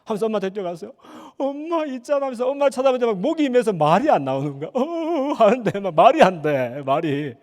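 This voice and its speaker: A man's voice: high-pitched, lively intonation, racing, few pauses, darkish tone. A male pastor telling a story in a sermon in a church sanctuary, acting out the voices as he goes. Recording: church hall reverb.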